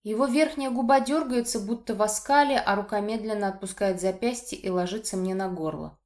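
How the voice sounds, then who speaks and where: A woman narrating a first-person romance novel, expressive and acting out the heroine's lines. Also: mid-range voice, fairly quick. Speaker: audiobook narrator.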